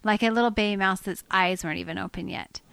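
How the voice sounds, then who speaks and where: A woman in her forties, co-hosting a casual home podcast and telling a story with lively, acted-out quotes. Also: mid-range voice, fast talker, gravelly, clean tone, no echo. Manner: animated storyteller, acts out quoted voices. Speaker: podcast co-host. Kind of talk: casual chat.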